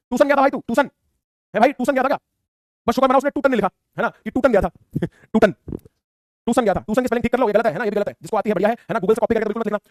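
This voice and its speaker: A high-voiced man rattling through a class at top speed, teasing students with "है ना" after almost every line. He sounds like a teacher talking close to the mic in a dry room with no echo. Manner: teasing, playful, repetitive tag questions. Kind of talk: fast online class lecture.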